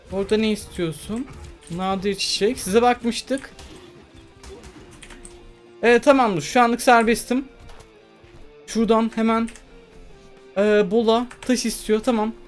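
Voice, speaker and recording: Woman gamer, slightly high voice, casual play-by-play, excitable, mutters to herself, faint game music underneath. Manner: excitable, talks to herself while playing. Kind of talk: casual gameplay commentary.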